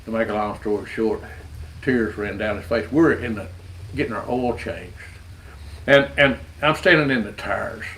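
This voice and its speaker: A man's voice: on the low side, normal speed, a bit bright, slight background noise, rough recording. A man, a street rodder giving an earnest, folksy evangelistic testimony and often repeating words as he goes. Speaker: street rodder sharing his faith.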